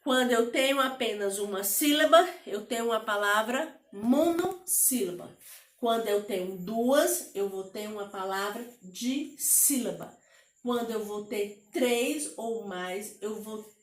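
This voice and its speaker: A woman with a Brazilian Portuguese accent teaching a lesson to children, speaking slowly and patiently and drawing words out syllable by syllable. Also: medium pitch, reverberant, distant mic.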